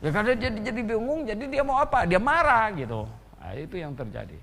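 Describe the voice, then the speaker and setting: A man pastor giving an animated sermon in a church, full of rhetorical questions and chuckling asides. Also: high-pitched, brisk, vocal fry, in a large hall, a little hiss or hum.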